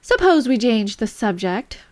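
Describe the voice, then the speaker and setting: Woman acting a storybook hare, impatient, blunt, bored, somewhat high voice. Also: sing-song, unhurried, darkish tone, dry recording.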